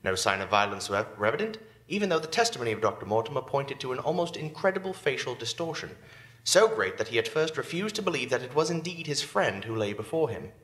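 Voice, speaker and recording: An actor playing Dr. Watson, who narrates and explains the facts in a measured, formal way in a live radio play. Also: male voice, medium pitch, very animated, a bit bright. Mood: briefing. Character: steady male doctor and narrator, Dr. Watson. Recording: roomy live stage sound with faint music.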